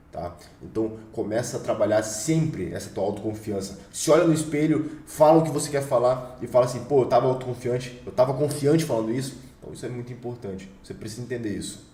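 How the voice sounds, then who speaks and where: A man's voice: mid-range voice, expressive, fast, dark tone. A young Brazilian man with a Brazilian Portuguese accent giving a casual motivational lesson in an emphatic, slangy way that sometimes swears. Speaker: online course instructor. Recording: roomy echo, a bit far from the mic.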